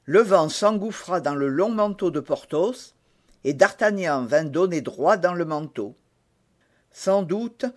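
A man reading a classic novel as an audiobook narrator, in a measured, expressive storytelling manner. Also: fairly high pitch.

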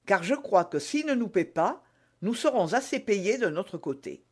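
A bold young musketeer leader, as a male reader puts him on, issuing brisk, commanding orders in a raised, bright voice. He is clever and self-assured in this storybook telling. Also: high voice, very animated, voice pushed up. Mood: persuasive. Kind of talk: audiobook reading.

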